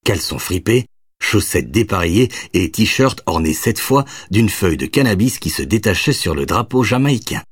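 A man narrating a novel as an audiobook, with expressive, varied storytelling. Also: lowish voice, moderate pace, slightly rough, dry recording, clean studio sound.

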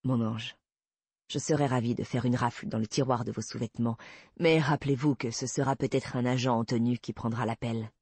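A gruff male police investigator, as the narrator puts him on, firm and protective, his voice pitched low. Slightly husky and very dry, read close for a storybook. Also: fairly even intonation, brisk, a little mellow, no echo. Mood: tender.

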